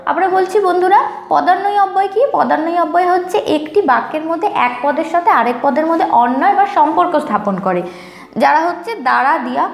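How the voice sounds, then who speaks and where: A woman teaching a grammar lesson, addressing viewers as friends and repeating each definition with rising questions. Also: high-pitched. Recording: echoey room.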